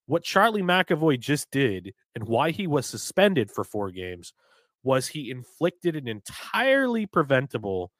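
A man's voice: mid-range voice, a little slow, dry recording. Male sports podcast co-host from New Hampshire, casual and heated, swears a lot, dry close sound. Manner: animated, swears freely, gets heated.

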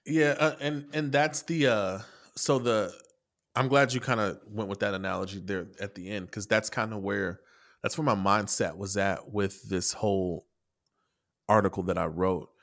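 Podcast co-host, man, lower register, loose and rambling with many restarts, casual cursing. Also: fairly even intonation, normal speed, vocal fry, fairly bright tone. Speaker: podcast co-host and article writer.

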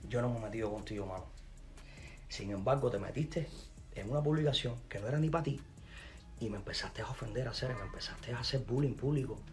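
A man's voice: mid-range voice, fast talker, a little mellow. A man from Cuba with a Cuban accent, a musician ranting angrily at someone, repeating himself and cursing. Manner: repetitive, heated, cursing, ranting. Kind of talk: angry rant to camera.

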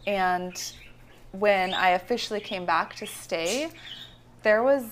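Speaking slowly in a medium-pitched voice, with a little hiss or hum on the recording, the Californian visionary artist chats about her life and art from her home. It's a casual interview, and she rambles, full of fillers and restarts.

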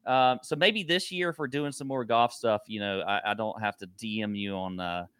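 A man's voice: fairly low pitch, normal speed, a bit bright, clean tone, no room sound. A man co-hosting a show, talking in a casual conversational style. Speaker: co-host. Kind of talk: casual chat.

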